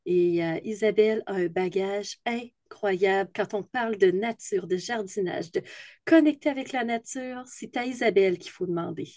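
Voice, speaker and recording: A woman's voice: mid-range voice, moderate pace, darkish tone, dry recording, studio quality. A woman from North America with a Québécois accent, hosting a video-call interview in an enthusiastic, emphatic manner. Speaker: host.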